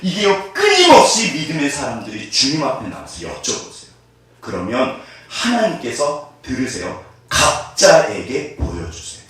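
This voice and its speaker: A man's voice: medium pitch, normal speed. A male pastor preaching a sermon, often putting questions to his congregation. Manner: animated, asks the congregation questions. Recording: echoey room from far off.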